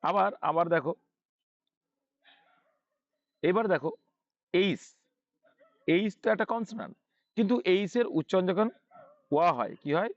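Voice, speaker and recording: A man's voice: high-pitched, expressive, normal speed, pauses often, no room sound, lo-fi sound. A man with a Bangladeshi Bengali accent teaching English grammar, often asking a question and answering it himself and repeating key points. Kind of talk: online English grammar lesson.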